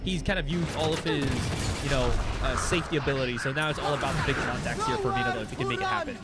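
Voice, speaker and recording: A man's voice: medium pitch, very animated, racing, loud music behind the voice. A man commentating on a live esports match as an analytical caster, thinking aloud in a conversational way.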